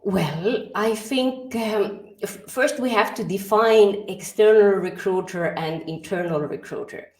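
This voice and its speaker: A woman guest on a video call, explaining things in a measured way with some fillers. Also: mid-range voice, a little mellow, echoey room. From Estonia, grew up in Sweden. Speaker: guest, executive recruiter. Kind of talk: interview answers.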